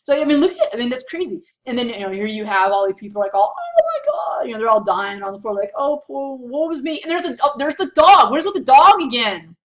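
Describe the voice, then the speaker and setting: A woman's voice: a little high, expressive, fast, few pauses, echoey room. A woman teaching a history lesson in a chatty, casual way, with lots of fillers and asides. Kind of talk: casual classroom lecture.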